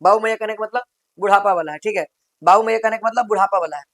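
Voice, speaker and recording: A woman teaching a grammar lesson for exam preparation. She asks the class questions, answers them herself, repeats them again and again, and draws out example words slowly. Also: medium pitch, fairly bright tone.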